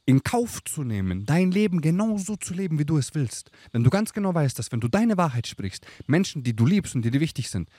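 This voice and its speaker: A man's voice: a little high, big pitch swings, a little fast, hardly any pauses, dark tone, no echo. A young man talking as a podcast guest in a casual, emphatic chat full of street slang, recorded outdoors at dusk. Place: outdoors on a tropical island at dusk.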